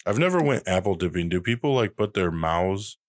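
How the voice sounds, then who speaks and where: A man's voice: deep voice, big pitch swings, a little fast, no echo, studio quality. A man from Michigan with an American accent, talking casually as a podcast co-host. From Michigan, United States. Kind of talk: casual conversational chat.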